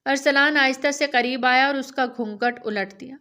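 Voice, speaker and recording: A woman reads a romance novel aloud, her voice sitting noticeably high. She keeps a steady, even storytelling pace from line to line. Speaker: narrator.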